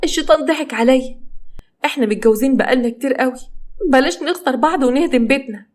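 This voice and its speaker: Pleading pregnant wife in an Egyptian storybook, high and wailing, voiced by a woman narrator. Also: quick pace, darkish tone, close to an everyday voice. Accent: Egyptian Arabic. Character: pregnant young wife faking labor, pleading.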